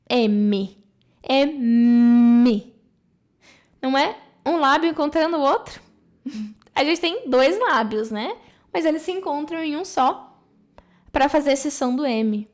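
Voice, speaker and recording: A young woman teaching an English lesson in a chatty way, often checking in with the listener. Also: high voice. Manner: chatty, explains warmly with many "né?" asides. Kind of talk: casual video lesson.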